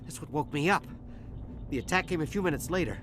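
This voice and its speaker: An actor playing a nervous dockworker who stammers and sounds shaken after an attack. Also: male voice, fairly high pitch, fast, background noise, close to an everyday voice. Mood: frightened. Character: nervous male dockworker, frightened survivor. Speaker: game character. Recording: game audio with music behind.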